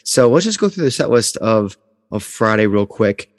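Low-voiced man hosting a podcast. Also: sing-song, moderate pace, no room sound, clean studio sound, big-room sound. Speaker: podcast host. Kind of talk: casual chat.

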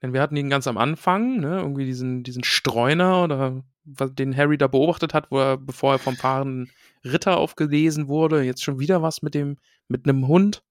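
A man co-hosting a casual book podcast who laughs a lot, chimes in with quick remarks and reads passages aloud. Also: medium pitch, dry recording, clean studio sound. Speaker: podcast co-host.

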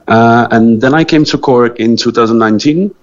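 A native Czech speaker from the Czech Republic, who founded a small clothing business, answers casually as an interview guest in a hesitant, modest way. He has a Czech accent and a medium-pitched voice at a moderate pace, and the recording is muffled.

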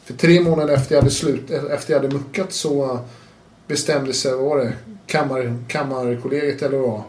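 A man guest telling his own story in a casual, animated way, swearing now and then and acting out what others said. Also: mid-range voice. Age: adult with children. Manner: animated, swears, acts out quotes, laughs often. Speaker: interview guest. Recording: roomy room with faint noise.

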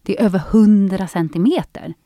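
A woman co-hosting a podcast in casual chat, encouraging her co-host with quick reactions and questions. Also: mid-range voice, mellow, dry recording, clean studio sound. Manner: supportive, reacting with quick exclamations and laughter.

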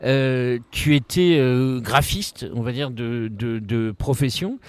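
A man hosting a podcast interview in a relaxed, halting way, often pausing on fillers and restarting his sentences. His voice sits at an ordinary middle pitch. The recording is dry and close, with no room sound. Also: clean tone, dry recording. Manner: hesitant, many fillers and restarts. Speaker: podcast host. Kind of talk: casual interview.

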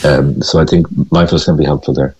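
A man over sixty-five from Galway, with a west of Ireland accent, speaks as a mindfulness teacher guesting on a radio interview. His voice is extremely low, dark and slightly rough, with a steady tone and a fast pace. He talks conversationally, often hesitating and repeating words as he explains, and the recording is rough.

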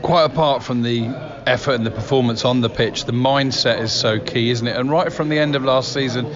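A man's voice: medium pitch, a little fast. Male interviewer in a busy pub. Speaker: football commentator and interviewer. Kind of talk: on-location interview. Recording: dull sound amid crowd chatter.

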